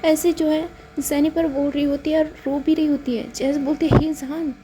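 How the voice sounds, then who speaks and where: A woman's voice: sits high, little pitch movement, moderate pace, background noise. A woman with an Indian accent casually narrating a romance story, repeating fillers as she goes. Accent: Hindi-speaking Indian. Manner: repetitive, filler-laden retelling.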